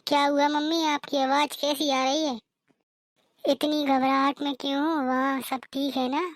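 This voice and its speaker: A woman's voice: high voice, flat delivery, normal speed, no room sound, close to an everyday voice. A woman voicing a protective young married daughter in a cartoon, talking urgently. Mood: concerned. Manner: urgent, insistent. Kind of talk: cartoon voice acting.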